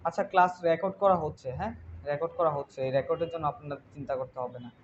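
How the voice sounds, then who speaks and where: A man teaching an online English class, patient, slowly spelling out English examples. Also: a little high, dull audio, slight background noise. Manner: patient, checks in with "ঠিক আছে?"; slow, drawn-out English examples.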